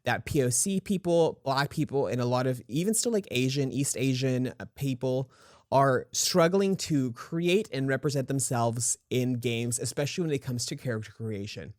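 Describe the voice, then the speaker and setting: A young man co-hosting a casual podcast. His mid-range voice is easygoing, and he often pauses on "um" while he gathers his thoughts. The sound is dry and close. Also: mid-range voice, dry recording. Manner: relaxed, frequent "um" fillers, laughs easily. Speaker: podcast co-host. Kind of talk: casual chat.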